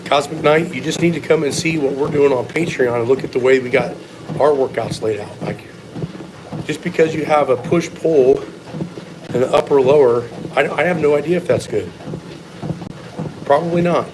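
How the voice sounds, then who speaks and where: A man's voice: fairly high pitch, normal speed, background noise. A man giving blunt, opinionated, sometimes profane answers in a casual live question-and-answer chat as a strength coach.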